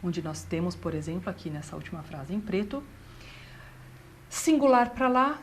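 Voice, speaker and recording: A woman teaches a grammar lesson at a steady middle pitch. She explains patiently and slows down to read each example sentence. A faint hiss of noise sits under her voice. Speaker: German teacher.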